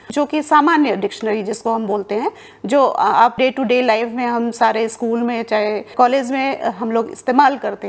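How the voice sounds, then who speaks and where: A woman giving an exam-prep lecture on library science, explaining step by step, mixing English terms into Hindi and pausing on fillers. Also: on the high side, a little mellow.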